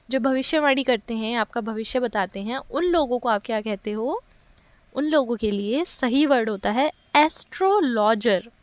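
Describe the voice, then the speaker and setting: A woman teaching English grammar for an exam, asking rhetorical questions and reading sentences out slowly. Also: on the high side, dry recording. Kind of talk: exam-prep lesson.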